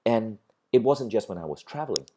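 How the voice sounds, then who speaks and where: A man's voice: on the low side, very animated, a little fast, mellow, slight background noise. A middle-aged man from Malaysia giving a motivational course lecture, earnest, and he repeats phrases as he builds a point. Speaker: course instructor. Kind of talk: recorded online course lecture.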